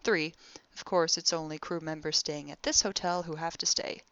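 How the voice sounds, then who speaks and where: A woman voices a young crewwoman recording her personal log in a sci-fi audio drama, captured in a dull, close, dry recording with very little room sound. Her low voice is wry and sardonic, venting exasperation in a deadpan, conversational way at normal speed, sounding exasperated and sarcastic.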